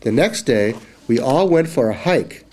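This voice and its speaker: Man playing a storytelling father for a read-aloud; slow, dramatic and lively in pitch. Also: slightly rough. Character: friendly father telling a spooky campfire tale.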